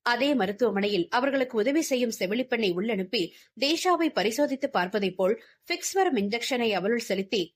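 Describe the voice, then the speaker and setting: A woman's voice: fairly high pitch, lively intonation, a little fast. A woman reading a novel aloud as an audiobook narrator with dramatic storytelling.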